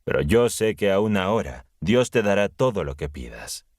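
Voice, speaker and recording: A man's voice: low voice, very animated, moderate pace, a little mellow, no echo, studio quality, voice pushed up. A man reading the lines of Martha, a grieving, faithful woman, in a Bible audiobook, earnest and pleading.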